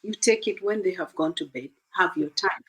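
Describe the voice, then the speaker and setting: A woman's voice: lowish voice, moderate pace, fairly bright tone, low-quality recording. A middle-aged woman from Uganda, a guest in an interview, earnestly giving advice and acting out conversations with her children.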